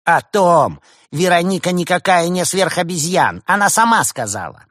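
A man's voice: high voice, expressive, normal speed, fairly bright tone, no room sound, clean studio sound, voice pushed up. A man voicing a gloating, mocking rival church leader on the phone. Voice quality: gloating, cackling.

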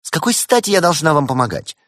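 A man's voice: lively intonation, moderate pace, a little mellow, no echo, clean studio sound, natural voice. A man voicing a fussy, self-important female cat sorceress in an audiobook. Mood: haughty. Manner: shrill, demanding, self-important. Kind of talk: audiobook character voice.

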